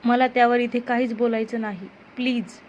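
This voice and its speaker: A woman voicing a torn young woman who pleads softly with the man she loves. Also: on the high side, steady tone, normal speed, highs cut off, slight background noise, natural voice. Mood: pleading. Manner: soft, pleading.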